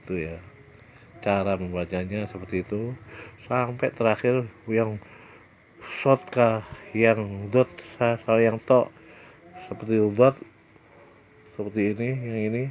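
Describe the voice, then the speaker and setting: A man teaching Quran recitation rules in an Indonesian accent, unhurried and deliberate. His voice sits low and dark, and he stretches each recited example word. He pauses and hesitates often between his explanations. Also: fairly even intonation, a little hiss or hum. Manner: slow and deliberate, drawing out recited words, with hesitations. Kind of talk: tajwid lesson with recited examples.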